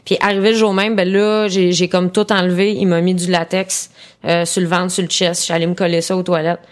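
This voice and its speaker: A woman's voice: on the low side, flat delivery, fairly quick. A woman in her thirties with a Québécois French accent, a podcast guest who chats casually, tells stories with animation and laughs often. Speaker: guest comedian.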